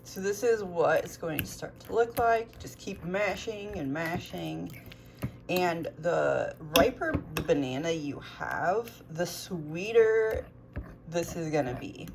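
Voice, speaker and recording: Low gravelly woman in a kitchen vlog. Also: slow, slight background noise. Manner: relaxed, chatty, with fillers. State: morning voice, a bit rough. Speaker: cooking vlogger. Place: home kitchen.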